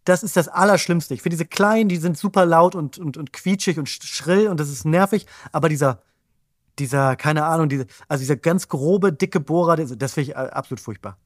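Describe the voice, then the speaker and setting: Man, podcast co-host, rapid chatty talk with quick reactions, dry close recording. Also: a little high, no room sound. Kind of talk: casual chat.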